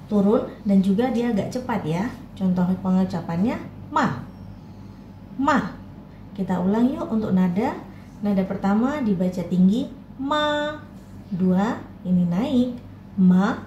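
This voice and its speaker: A woman teaches a language lesson in a mellow, warm voice, patiently modeling sounds slowly and clearly. Her voice rings in an echoey room with a faint hiss behind it. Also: mid-range voice. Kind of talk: instructional lesson for learners.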